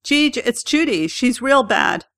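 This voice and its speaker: A man's voice: very high-pitched, lively intonation, unhurried, pushed and bright, dry recording, studio quality, pitched above the performer's own voice, heavily acted. A woman voicing a frantic middle-aged husband pleading for help, his voice cracking. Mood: desperate.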